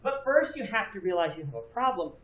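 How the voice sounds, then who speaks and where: A man's voice: high voice, very animated, brisk, fairly bright tone, muffled recording. A man in his thirties teaching a church Bible class, explaining earnestly and putting questions to his students. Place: church classroom with a projection screen. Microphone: far camera, no visible mic. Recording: echoey room from a distance.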